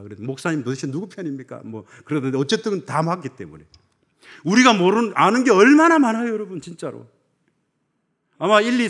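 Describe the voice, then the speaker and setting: A middle-aged man from Chungcheong preaching a sermon as a pastor, building to loud emphatic peaks and dropping to low, soft asides. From Chungcheong, Korea.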